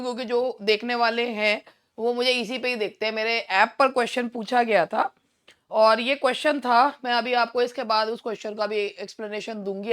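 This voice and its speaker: A woman with an Indian accent and a fairly high pitch leads an exam-prep English lesson. She works through questions and answers, reading each question aloud slowly.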